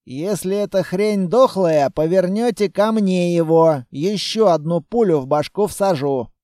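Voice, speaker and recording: Excitable sniper, proud of his gun, pitched up high, indignant bursts as a narrator voices him. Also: unhurried, no room sound, clean studio sound. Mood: eager. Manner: indignant, eager.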